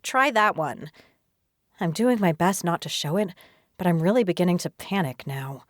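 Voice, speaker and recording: A woman narrating a romance audiobook in the first person in a steady, even reading voice. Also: fairly low pitch, fairly quick, no room sound.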